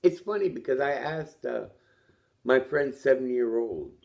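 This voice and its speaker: A toothless man with a Jamaican accent thinks aloud, his lips folding over his gums so the consonants come out soft. His voice is creaky and his pitch swings widely as he goes. He takes his time, offering opinions and rhetorical questions in a loose, reflective monologue. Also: animated, a little slow.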